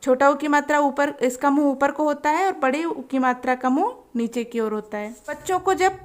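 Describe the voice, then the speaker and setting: A woman teaching a lesson, sounding out syllables slowly and clearly. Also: sits high. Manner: slow, clearly spelled-out syllables. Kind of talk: slow instructional lesson.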